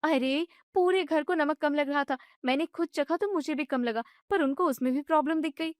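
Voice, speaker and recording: A woman doing a high, protesting young daughter-in-law. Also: normal speed, no echo, studio quality, natural voice. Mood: complaining. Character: young newlywed daughter-in-law, exasperated and argumentative.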